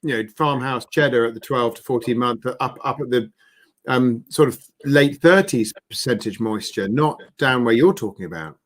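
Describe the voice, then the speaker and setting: A man's voice: mid-range voice, normal speed. A man hosting a casual interview over a video call, chatty and hesitant, full of fillers and restarts. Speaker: host.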